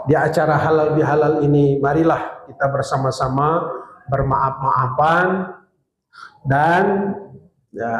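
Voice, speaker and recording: Male preacher from Jambi with a Malay accent, jokey anecdotes, higher voice, recorded in a reverberant hall. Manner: jokey storytelling, acts out dialogue. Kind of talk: humorous sermon with anecdotes. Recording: echoey hall.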